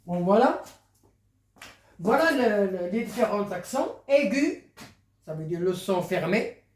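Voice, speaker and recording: Slow, lively-pitched teacher in an echoey room. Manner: repeats words, explains step by step. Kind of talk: primary school lesson.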